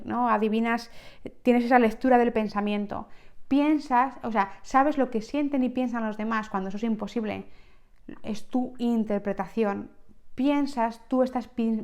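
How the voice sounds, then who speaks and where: A woman's voice: on the high side, a little mellow. A woman with a Spanish accent giving an unscripted self-help monologue as a podcast host, often checking in with "right?" and restarting words. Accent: Spain.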